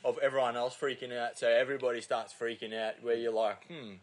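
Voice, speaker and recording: A man's voice: medium pitch, flat delivery, a little fast. An Australian man in casual chat with a laddish, sweary, bro-like way of talking.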